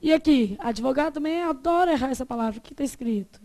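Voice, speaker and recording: A woman with a Brazilian accent leads a grammar lesson in a high, light voice. She chats and jokes with the class and stretches out each example word slowly. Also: expressive, warm tone. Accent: Brazilian Portuguese. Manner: chatty, joking, drawn-out example words. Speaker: Portuguese teacher.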